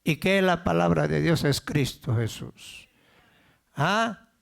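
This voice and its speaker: A man's voice: a little high, lively intonation, takes it slowly, vocal fry. A man preaching a sermon as pastor of a church, repeating words as he builds up and calling out questions to the congregation.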